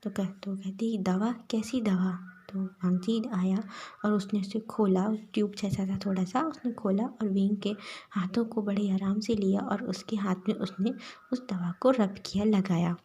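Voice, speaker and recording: A woman reading fan fiction aloud in a halting manner, often repeating words. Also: medium pitch, steady tone, mellow. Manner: halting, repeats words, breathy half-whisper. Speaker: storyteller.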